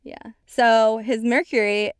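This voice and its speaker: A woman's voice: fairly high pitch, steady tone, slow pace, clean tone, no room sound, clean studio sound. A young woman co-hosting a podcast, chatting casually and retelling a show with lots of "like". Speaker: podcast co-host. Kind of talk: casual chat recapping a reality show.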